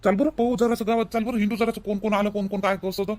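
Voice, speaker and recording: Brief: man as an anxious village granddad, high voice, fussing and easily scared. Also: flat delivery, racing, a little mellow, natural voice. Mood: alarmed. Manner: fussing, questioning, easily alarmed. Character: worried old village grandfather. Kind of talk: village comedy sketch acting.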